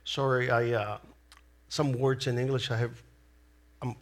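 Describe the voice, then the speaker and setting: A middle-aged lay preacher whose first language is Spanish delivers a sermon with a Salvadoran Spanish accent at a slow, unhurried cadence. His middle-pitched voice moves little in pitch, and he speaks earnestly and deliberately, pausing between phrases.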